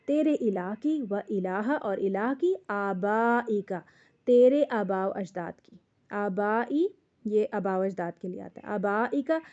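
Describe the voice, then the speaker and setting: A woman's voice: mid-range voice, a little mellow. Woman, patient teacher, explains word by word, dull lo-fi sound. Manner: patient, explains word by word, checks understanding with questions. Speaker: Quran translation teacher. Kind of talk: word-by-word translation lesson.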